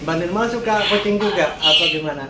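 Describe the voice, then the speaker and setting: A man with a high-sitting, fast voice gives relaxed, informal interview answers, repeatedly echoing his own words and affirmations. He runs a cat boarding and grooming business. The recording has an echoey room sound with clear background noise.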